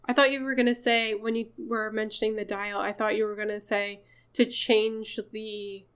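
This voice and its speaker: A woman's voice: mid-range voice, level tone, normal speed, fairly bright tone, clean tone. A woman chatting casually with friends, thinking aloud as she goes. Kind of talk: casual group chat.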